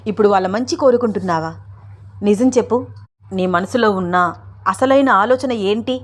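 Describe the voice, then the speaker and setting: A woman's voice: mid-range voice, normal speed, lightly acted. A woman voicing an older husband in a storybook reading, pressing his wife with questions in a raised, agitated voice.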